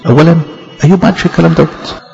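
A man with an Egyptian Arabic accent teaching scripture in an emphatic sermon, asking rhetorical questions and reading verses slowly. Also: a little high, fairly even intonation, vocal fry, dark tone, faint music behind. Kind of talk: Bible study sermon. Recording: reverberant hall, dull lo-fi sound.

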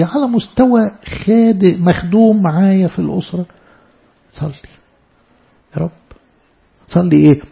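A man's voice: a little high, gravelly, muffled recording. A man with an Egyptian accent preaching a sermon to church servants, emphatic, often repeating and stumbling over words. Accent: Egyptian Arabic.

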